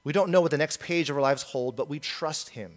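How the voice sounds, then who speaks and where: A man's voice: on the high side, a little fast. A male pastor preaching a sermon in an earnest, emphatic way, often repeating key phrases.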